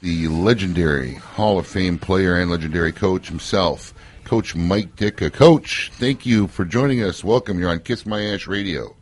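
A man's voice: low voice, moderate pace. A man in his thirties from Chicago hosting a casual radio show, joking and interviewing with plenty of fillers.

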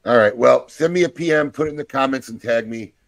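A middle-aged man hosting a podcast in casual chat, excitable and swearing often. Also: medium pitch, fast talker, creaky, no room sound. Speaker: podcast host.

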